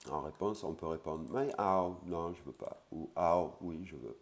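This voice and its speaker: A man teaching a language lesson in a casual way. He says each Thai word slowly and clearly, then explains it with fillers like "hein" and "voilà". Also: low voice.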